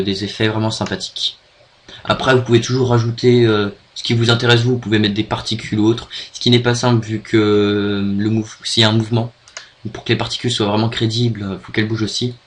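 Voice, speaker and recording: A young French man with a French accent giving a hesitant, filler-heavy screen-recorded software tutorial at his computer. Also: lowish voice. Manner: hesitant, many fillers and restarts. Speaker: video tutorial maker.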